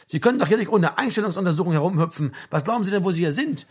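A man reading a story aloud, voicing a mocking, gruff middle-aged army sergeant in a raised, sarcastic voice. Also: high-pitched, expressive, racing, pitched above the performer's own voice. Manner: sarcastic, barking questions.

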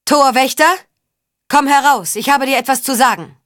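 A woman voicing a hoarse, proud young countess who sounds weary and defiant, in an audiobook. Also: on the low side, animated, moderate pace, no echo, clean studio sound. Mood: calling out. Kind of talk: audiobook character voice.

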